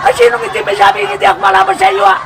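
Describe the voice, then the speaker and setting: A man voicing an excitable grown man who questions his friend in a shrill, incredulous voice. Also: very fast, vocal fry, a crowd in the background, noisy background. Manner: squealing, incredulous, keeps calling him pare.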